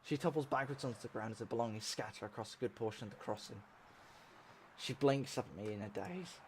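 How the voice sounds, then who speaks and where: A man hosting a let's play, reading a visual novel aloud in an animated way. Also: medium pitch, fast talker, a little hiss or hum. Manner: animated reading, laughs and shouts at tense moments.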